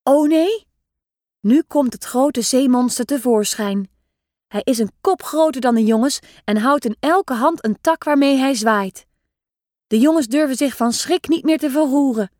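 A woman reading a children's story aloud in a lively, expressive way. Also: sits high, moderate pace, no echo, studio quality.

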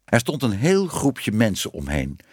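A man narrating a children's book in an expressive, varied reading. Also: fairly low pitch, measured pace, slightly rough, no room sound, studio quality. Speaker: audiobook narrator.

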